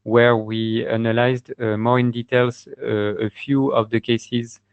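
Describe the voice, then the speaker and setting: A man wrapping up a formal webinar presentation, halting and full of pauses. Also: mid-range voice, little pitch movement, clear, resonant tone, no echo. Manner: halting, filler-heavy. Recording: dry, dull lo-fi webinar audio.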